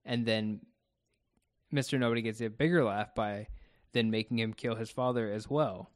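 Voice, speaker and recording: A man's voice: fairly low pitch, fairly even intonation, normal speed, no echo, clean studio sound. A man co-hosting a casual podcast, talking through his thoughts about a TV episode one step at a time. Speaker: podcast co-host.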